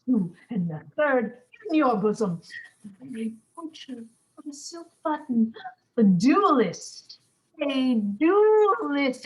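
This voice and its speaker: A woman's voice: fairly high pitch, low-quality recording. A woman playing a witty, mocking young nobleman, giving the verse a theatrical, teasing delivery. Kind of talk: Shakespeare stage reading.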